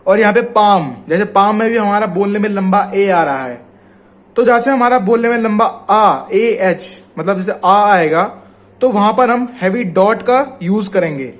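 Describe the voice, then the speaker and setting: Speaking with an Indian Hindi accent, a male shorthand teacher delivers an informal lesson in a voice pitched fairly high for a man. He is patient in his explanations and stretches out each example word.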